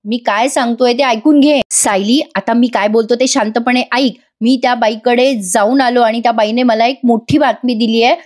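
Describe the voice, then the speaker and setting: A woman voicing an angry husband who speaks in sharp, commanding orders. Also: on the high side, steady tone, normal speed, few pauses, close to an everyday voice. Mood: stern.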